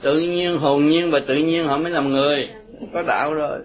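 Older male teacher, folksy and rambling, fairly high voice, lo-fi recording with listeners around. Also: fairly even intonation, a little fast. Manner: rambling, folksy, chuckling storyteller. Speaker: Buddhist teacher. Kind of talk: informal dharma talk with followers. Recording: dull lo-fi recording with crowd behind. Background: group of listeners.

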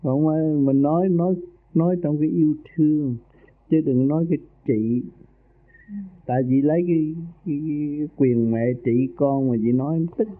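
A man's voice: a little high, normal speed. Guy teaching meditation on a radio call-in, folksy and earnest, tinny phone line sound. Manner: folksy and earnest, raising his voice for emphasis. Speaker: spiritual teacher advising a caller.

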